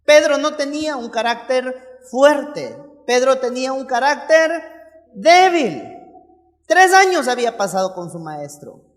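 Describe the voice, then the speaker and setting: Male preacher, lively storytelling sermon, rhetorical questions, long hall echo. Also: extremely high pitch, moderate pace. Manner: storytelling with rhetorical questions and playful acted asides.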